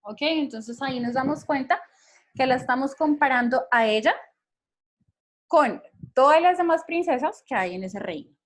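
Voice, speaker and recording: This recorded lesson features a woman with a high, animated voice explaining English grammar rules in Spanish at a moderate pace. Patient throughout, she frequently asks questions to confirm her students are keeping up.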